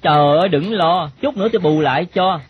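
A man voicing a quick, bossy street boy, in a storybook reading. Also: on the high side, voice pushed up, close to an everyday voice. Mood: eager. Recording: dull lo-fi recording, faint hiss.

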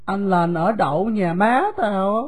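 A woman with a Southern Vietnamese accent voicing a poor, gentle young boy who talks in a soft, plain, confiding way. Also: medium pitch, a little slow, slightly rough.

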